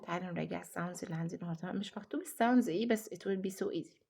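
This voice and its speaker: A woman with an Egyptian Arabic accent teaching a children's phonics lesson. She repeats letter sounds slowly and drawn out, and mixes English words into her Arabic. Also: fairly low pitch, gravelly, darkish tone, slightly rough.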